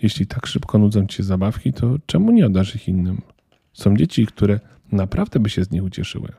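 A man's voice: lowish voice, sing-song, fairly quick, creaky, mellow, breathy edge, no room sound, clean studio sound, heavily acted. A man voicing a small, fussy male Christmas elf who talks in a flustered, indignant, stern way.

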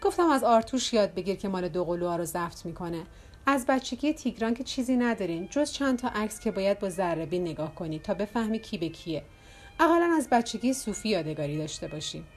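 A woman's voice: expressive, natural voice. A woman reading a bubbly, chatty hostess. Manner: bubbly and talkative, pitch lifting on questions. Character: chatty, loud, self-mocking woman hostess. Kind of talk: audiobook character reading.

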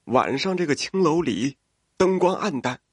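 A man voicing an old loyal butler in a folk tale, talking in a low, conspiring way. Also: expressive, moderate pace, husky, no room sound, clean studio sound. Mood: hushed scheming. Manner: hushed, conspiring.

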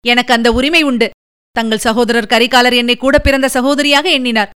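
A woman's voice: a little high, fairly even intonation, moderate pace, fairly bright tone, clean tone, lightly acted. A woman reading the part of a grief-stricken young noblewoman in an audiobook, pleading and tearful.

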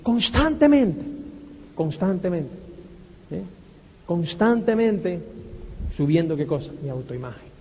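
A man giving a motivational talk, firing rhetorical questions and tagging lines with a quick "eh?". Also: high-pitched, sing-song, a little mellow, slight background noise. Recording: long hall reverb.

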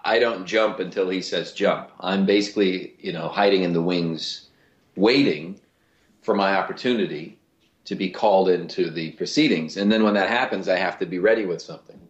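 Low-voiced male voice actor, guest interview, echoey room, dull lo-fi recording. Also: normal speed. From Cleveland, USA. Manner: animated, with frequent restarts. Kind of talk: casual interview talk. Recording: roomy lo-fi recording.

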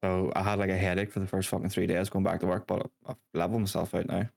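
Man as laid-back co-host. Low voice, tired, easygoing. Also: level tone, fast, creaky, darkish tone. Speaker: podcast co-host. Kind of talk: casual banter podcast.

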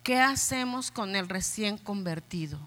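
A middle-aged woman pastor with a Mexican accent preaching a lively sermon, urging her congregation and acting out voices. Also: medium pitch, unhurried. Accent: Mexican Spanish.

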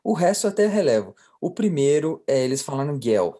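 A Brazilian man co-hosting a podcast, telling stories in a relaxed, joking way. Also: a little high, fairly quick. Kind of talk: casual chat.

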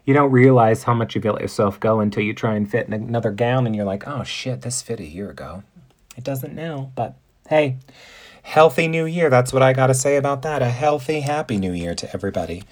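A man's voice: medium pitch, a little fast. A man in his forties hosting a podcast, chatting in a bubbly, campy way with playful pet names from his makeup table. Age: 40s. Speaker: podcast host. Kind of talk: casual monologue.

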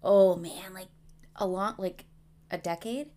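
A woman co-hosting a podcast, giving slow, hesitant answers to Bible questions. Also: mid-range voice, steady tone, warm tone. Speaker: podcast co-host. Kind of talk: casual Bible study chat.

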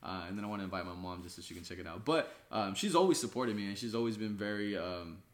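A man with a low voice who talks fast and loose, packing his speech with slang and fillers. He is from Mexico and talks about his music like a friend chatting. The sound is roomy and echoey. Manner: laid-back slangy talk with many fillers. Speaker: musician guest. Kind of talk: casual conversation.

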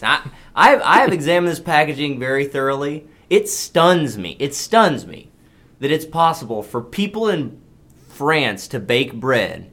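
A man's voice: medium pitch, bright, forceful tone. A man co-hosting a podcast, chatting casually and laughing easily as he muses aloud while eating. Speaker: podcast co-host. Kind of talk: casual chat.

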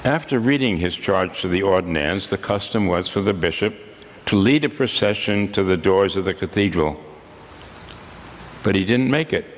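A man in his eighties, a priest, delivering a sermon in a measured, solemn way with deliberate pauses. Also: low voice, expressive, long reverb tail, a little hiss or hum. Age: 80s.

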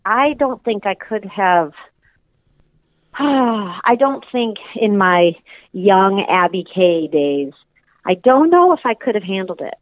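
A woman musician, a guest in a casual interview, speaks reflectively and hesitantly, restarting often. Her mid-range voice swings widely in pitch and goes slowly. The recording is dry, over a tinny phone line.

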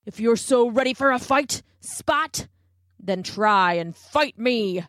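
A woman voicing a booming young tiger. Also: lively intonation, slow pace, fairly bright tone, no room sound, studio quality. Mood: challenging. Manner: booming, challenging.

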